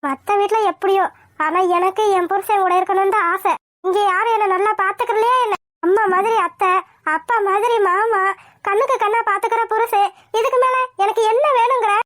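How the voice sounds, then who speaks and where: A woman voicing a young pregnant wife in a cartoon, speaking in a gentle but firm, earnest way. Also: very high-pitched, fairly quick, no room sound, studio quality. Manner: earnest, calmly insistent. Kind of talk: cartoon voice acting.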